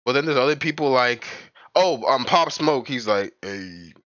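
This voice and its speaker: Medium in pitch and a bit bright, this young man's voice moves at a moderate pace in lo-fi audio with no room sound. He's casually chatting with friends during a game stream, rambling, filler-heavy, and constantly using "bro" and "like."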